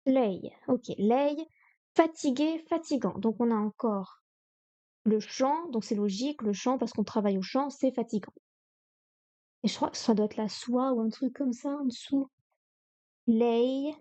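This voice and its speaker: A woman's voice: a little high, a little slow, dark tone. A woman on a live stream studying Chinese vocabulary, repeating words, counting strokes aloud and chatting to herself as she goes.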